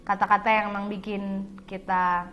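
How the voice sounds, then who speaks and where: Recorded with a muffled sound, this young woman from Java speaks in a mid-range voice with little pitch movement and a moderate pace. As a language vlog co-host, she explains words in a casual chat, addressing viewers as friends, while music plays behind her.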